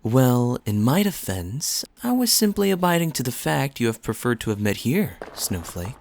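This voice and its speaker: A man's voice: mid-range voice, big pitch swings, normal speed, a little mellow. Man playing suave, teasing Kaeya, swooping flirtatious lilt. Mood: teasing, intimate. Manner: smooth-talking, playful, coy, lingering phrasing. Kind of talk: romantic interactive audio roleplay, spoken to the listener.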